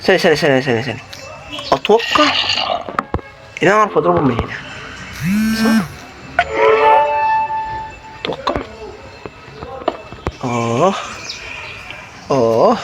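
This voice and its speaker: A man with an Egyptian Arabic accent giving Minecraft let's-play commentary, jumpy and panicky, breaking into high shrieks when scared. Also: very animated, normal speed, pauses often, heavy background noise. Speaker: gaming YouTuber.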